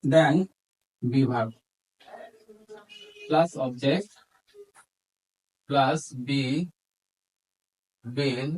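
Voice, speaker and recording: This man teaches with a medium-pitched, steady, slightly mellow voice, speaking very slowly and pausing often. His Bangladeshi accent comes through as he dictates piece by piece, mixing English terms into Bengali. The recording quality is low.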